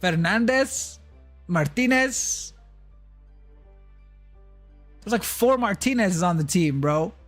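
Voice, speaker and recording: A man's voice: sits high, animated, normal speed, faint music behind. A man streaming a video game and chatting casually, ranting bluntly and swearing. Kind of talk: casual livestream chat while gaming.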